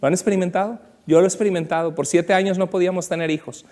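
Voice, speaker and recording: A man's voice: high voice, steady tone, very fast, darkish tone. A man preaching a conversational sermon as a pastor, asking his congregation questions and joking with them. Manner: chatty, asks the congregation questions, jokes. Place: church service.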